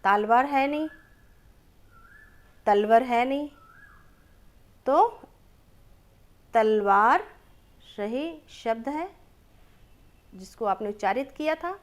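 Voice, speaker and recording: Slow, lively woman teaching young children. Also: on the high side. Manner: slow and drawn-out, stretches each word; asks children questions, then answers them herself. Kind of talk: children's lesson, reading aloud.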